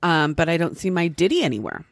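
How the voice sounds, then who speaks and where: A woman co-hosting a podcast in casual banter, informal and quick to interrupt and protest. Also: lowish voice, big pitch swings, gravelly, no echo, studio quality. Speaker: podcast co-host.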